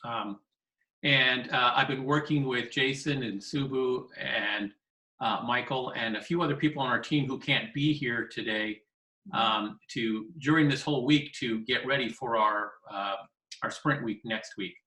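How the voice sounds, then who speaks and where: A man hosting a video call meeting, talking haltingly with many fillers. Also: mid-range voice, bright, forceful tone, recorded from a distance. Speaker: meeting host. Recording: roomy video call audio.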